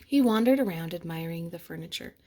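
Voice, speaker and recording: A woman narrating a children's picture book aloud in an expressive storytelling manner. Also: lowish voice, brisk, slight background noise. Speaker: storybook reader.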